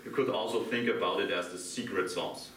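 Captured from a distance in a reverberant room with faint hiss, a middle-aged Austrian conference speaker with a German accent quizzes a small audience and laughs lightly. He speaks briskly in a low voice that has a bright edge, in an interactive talk.

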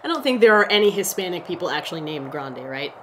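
Young woman playing a video game with a friend, lively bouncy voice, teasing and cursing, noisy hiss behind. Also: fairly low pitch. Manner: teasing, profane, quick to laugh. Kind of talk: casual gaming banter.

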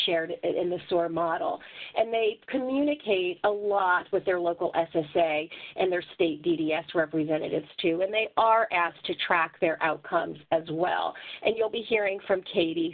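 A woman giving an informational webinar presentation in a hesitant, explanatory way as its moderator. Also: lowish voice. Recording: muffled, narrow phone-like line.

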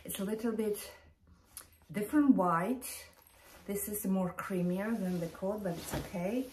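A middle-aged woman vlogs about fashion, chatting slowly and haltingly as she shows items, in a medium-pitched, darkish voice. Recorded in a big carpeted bedroom by a camera several feet off, she sounds far from the mic, with room echo and some light noise.

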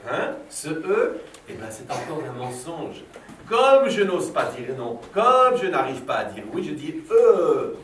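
A middle-aged man with a fairly high, slightly bright voice leads a children's philosophy workshop, speaking very animatedly but a little slowly. He questions the class in Socratic fashion, playful, probing, and teasing, in a school classroom. The sound is roomy and distant, with faint background noise.

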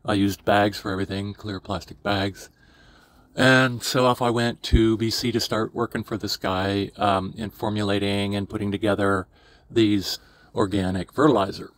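Older male storyteller, deep-voiced, loose and rambling delivery. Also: fairly even intonation, moderate pace, a bit bright, no room sound. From California. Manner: rambling, many fillers and restarts. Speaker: memoir vlogger. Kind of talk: casual personal storytelling.

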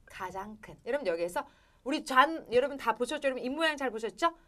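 A woman hosts a televised English lesson, speaking directly to viewers in a high, sharp voice with lively intonation and a quick pace. She is playful and laughs often.

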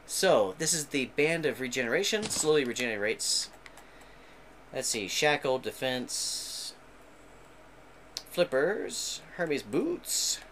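A man talks through his video game session in a loose, rambling way, excitable and chatty. His pitch swings around a lot as he goes. A steady hiss of noise sits under the recording. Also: takes it slowly, long pauses. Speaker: gaming channel host. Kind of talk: casual let's-play commentary.

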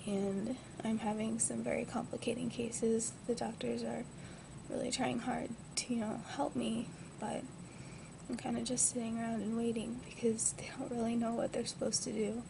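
A woman's voice: a little high, vocal fry. A twenty-year-old woman talking in a groggy, subdued manner to a device mic, in a casual personal vlog from a hospital bed. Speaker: vlogger. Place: lying in a hospital bed indoors. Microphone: built-in device mic at close range. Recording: noisy amateur webcam audio.

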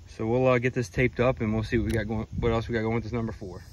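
A young man hosting a casual shooting range vlog outdoors in a grassy field, laid-back, counting pellets out loud. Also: medium pitch, little pitch movement, fast talker, a little hiss or hum. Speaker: outdoors channel host. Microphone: camera mic a few feet away. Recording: distant outdoor camera mic, faint insects.

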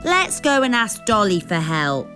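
A woman doing a gruff little snail boy. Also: fairly high pitch, very animated, normal speed, bright, forceful tone, faint music behind, voice pushed up. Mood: earnest. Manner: gruff, reasonable. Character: friendly young boy snail, gruff at times.

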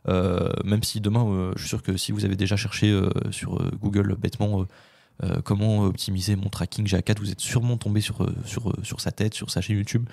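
A man's voice: lowish voice, level tone, a little fast, creaky, darkish tone, no room sound, clean studio sound. A man, co-hosting a casual podcast and rambling with many filler words. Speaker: podcast co-host.

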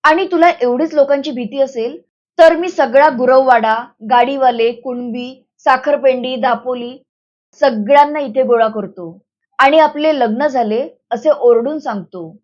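A woman's voice: sits high, measured pace, dull audio. A firm, protective village man, as a woman reads him. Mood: firm, tender. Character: strong-willed grown village man, bold and protective.

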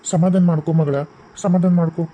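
A man's voice: fairly high pitch, steady tone, a little fast, mellow, natural voice. A man voicing a protective ghost father in a cartoon, reassuring in a North Karnataka Kannada accent. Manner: reassuring, firm.

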